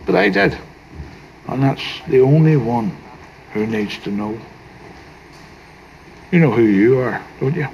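Ciepły, łagodny starszego dziadka z północnoirlandzkim akcentem, mówiący cicho i z przekąsem. Czule przekomarza się z wnukiem, a jego głos o średniej wysokości brzmi na tle delikatnego szumu otoczenia w filmowej scenie. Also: male voice, medium pitch, animated, unhurried, vocal fry, pauses often, highs cut off, a little hiss or hum. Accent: Northern Irish. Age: older. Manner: soft-spoken, wry, tender. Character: gentle wise teasing old grandfather. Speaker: grandfather. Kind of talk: film drama acting.

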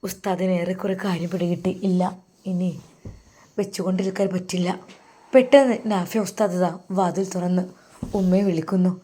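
A woman's voice: lowish voice, steady tone, moderate pace, mellow. A woman narrating a devotional family story in an earnest, emotional storytelling manner.

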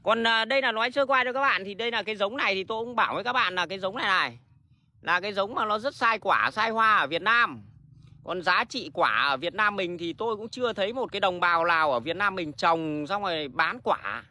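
A man's voice: high voice, animated, fairly quick, sharp tone, dry recording. A man hosting a casual livestream, talking bluntly and rambling with restarts and frequent swearing. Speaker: livestream host selling plants.

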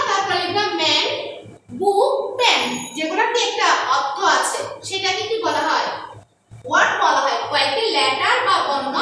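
A woman teaching an online English class to young pupils in Bengali, repeating each definition slowly so they can write it down. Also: very high voice, bright, forceful tone. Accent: Bangladeshi Bengali. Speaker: primary school English teacher. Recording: echoey room, mic at a distance, faint background noise.

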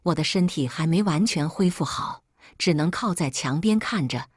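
Woman, story narration, first-person, wry, unbothered, husky voice, dry close recording. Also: sits low, animated, normal speed, dry recording.

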